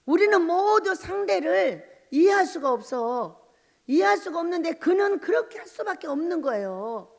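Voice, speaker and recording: High-pitched woman pastor preaching in a hall. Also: big pitch swings, normal speed, vocal fry. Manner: emphatic preaching, full of rhetorical questions. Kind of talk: sermon. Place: church sanctuary at a mountain prayer retreat. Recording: long hall reverb.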